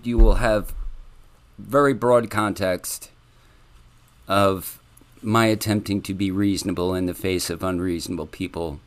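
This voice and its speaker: A man hosting his own solo podcast, talking earnestly in legal terms and often restarting his sentences. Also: fairly low pitch. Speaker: podcast host.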